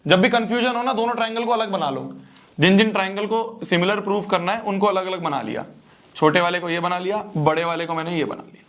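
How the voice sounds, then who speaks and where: A man's voice: high voice, quick pace, a bit bright. A young man teaching a math exam-prep lesson, repeating phrases and checking that students follow.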